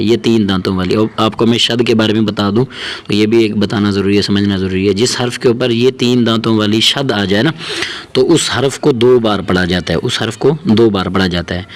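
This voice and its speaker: A man, teaching Quran reading in a patient way, repeating his points and drawing out each recited letter. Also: on the low side. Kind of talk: explaining a lesson.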